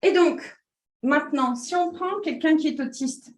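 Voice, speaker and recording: A woman with a slightly high voice explains ideas as a communication trainer. She talks with many fillers and restarts. She keeps checking that her listeners are following. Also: unhurried. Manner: checks in with listeners with repeated 'd'accord?'; hesitant restarts with frequent fillers. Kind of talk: explanatory talk.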